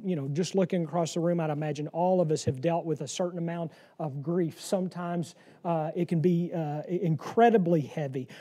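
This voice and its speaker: A man leading a Bible study class in a room, lively and joking, often laughing as he explains proverbs. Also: a little high. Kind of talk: interactive Bible lesson.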